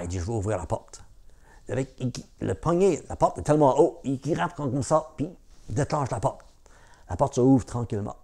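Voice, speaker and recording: A man's voice: medium pitch, a little mellow. A man telling a folk tale aloud in a conversational way, with asides to his listeners. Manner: conversational, repetitive "il dit" framing, asides to listeners. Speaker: storyteller.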